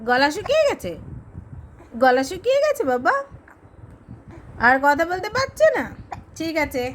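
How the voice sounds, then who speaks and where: A young mother with a Bengali accent coaxing her baby in sing-song baby talk, often rising into high playful squeals. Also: very animated, measured pace, fairly bright tone, slight background noise.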